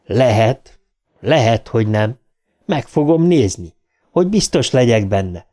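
A man voicing a menacing middle-aged father who speaks with slow, obsessive, chanting calm. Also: mid-range voice, lightly acted.

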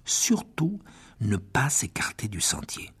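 A man's voice: lowish voice, very animated, slow pace, fairly bright tone, slightly rough. A man narrating a fantasy audiobook dramatically, often dropping to a whisper. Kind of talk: expressive audiobook reading.

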